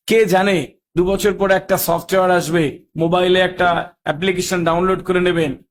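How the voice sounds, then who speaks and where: A man giving a motivational speech, often asking "right?" and slipping English phrases into his talk. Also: high voice. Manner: rhetorical, keeps asking "right?". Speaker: motivational speaker.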